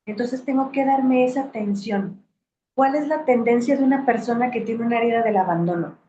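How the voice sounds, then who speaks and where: A woman's voice: on the high side, fairly quick, dark tone. A middle-aged woman gives a reflective talk on emotional healing, asking rhetorical questions and checking in with her audience. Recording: roomy, slightly dull sound with faint hiss.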